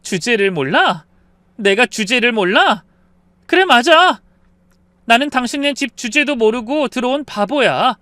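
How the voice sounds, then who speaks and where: A man's voice: very high voice, animated, normal speed, pushed and bright, dry recording, full character voice. A man voicing a fed-up daughter-in-law in a story reading, answering back indignantly and defiantly. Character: fed-up daughter-in-law, wife of ten years.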